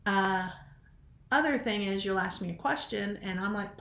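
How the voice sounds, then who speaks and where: A woman's voice: medium pitch, moderate pace, vocal fry, a bit bright, reverberant. A woman biology instructor talking casually in a recorded lecture, rambling and self-deprecating, a little short of breath.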